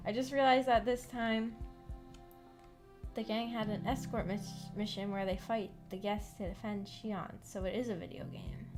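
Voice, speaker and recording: Speaking at a normal speed with fairly even intonation, a medium-pitched woman chats with her viewers while music plays behind her. She hosts a visual novel book club on stream, rambling, giggling, and thinking out loud.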